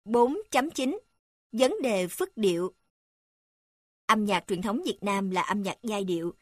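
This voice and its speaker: A woman reading a music textbook aloud in an even, formal manner, announcing each section number. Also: medium pitch, slow pace, no room sound, clean studio sound. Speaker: narrator reading a text on music.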